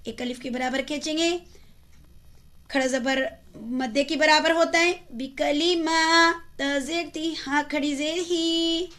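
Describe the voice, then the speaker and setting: Brief: female Quran reading teacher with a high voice, spells out letters, draws out syllables slowly, answers her own questions. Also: fairly even intonation, a bit bright. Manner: asks the listener questions and answers them herself. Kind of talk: step-by-step recitation lesson.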